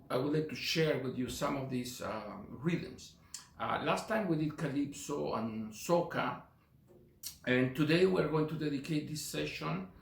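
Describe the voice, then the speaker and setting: Gravelly and medium-pitched, a middle-aged man from Chile with a Chilean Spanish accent gives a relaxed drum lesson. He uses many fillers and counts the beats aloud, with faint noise in the echoey room.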